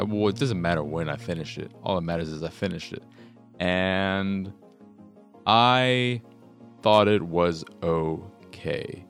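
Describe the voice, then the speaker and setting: A man's voice: sits low, gravelly. A man in his thirties hosting a casual podcast, talking in a loose, rambling, crude way into a close microphone. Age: 30s. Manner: loose, rambling and crude, with playful silly voices. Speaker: podcast host. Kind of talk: casual solo podcast chat.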